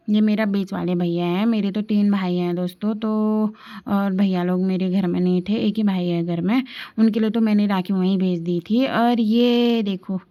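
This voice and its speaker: A woman's voice: mid-range voice, mellow. A young woman from the Indian hills chatting casually to her viewers as she walks them through a family day. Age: young adult. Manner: chatty, showing and explaining to viewers. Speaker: vlogger. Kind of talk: casual family vlog narration.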